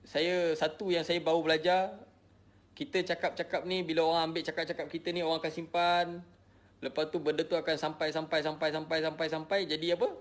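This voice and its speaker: A middle-aged Malaysian man with a Malaysian Malay accent speaks fairly quickly in a fairly high, flat voice. A social media personality, he sounds tired as he casually explains himself to his followers. He's emotional and defensive, going over the same points again and again.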